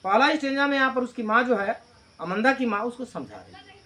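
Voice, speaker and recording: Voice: mid-range voice, expressive, a little fast, sharp tone. A teacher explaining a poem to a class, repeating key lines, asking the students questions and answering them, and reading the English lines aloud. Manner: mixes Hindi with read-out English lines.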